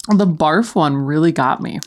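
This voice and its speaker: A woman's voice: low-pitched, unhurried. A woman podcast co-host chatting casually and exclaiming in repeated words, grossed out as she eats and smells nasty jelly beans. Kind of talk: casual chat during a food dare.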